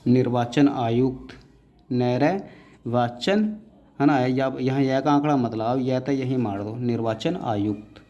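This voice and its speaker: A man teaches shorthand outlines at an unhurried, deliberate pace. He says each word, breaks it into strokes and repeats it, and his pitch sits in the middle range for a man. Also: fairly even intonation, dark tone, dull audio. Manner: often adds the tag "है ना" and gives short instructions. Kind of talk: dictation-style tutorial explaining outlines.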